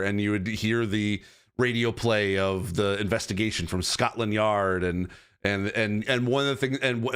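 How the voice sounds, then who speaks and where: A man's voice: fairly low pitch, fairly bright tone, clear, resonant tone. A man hosting a live stream, chatting casually with lots of fillers and restarts. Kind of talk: casual rambling commentary.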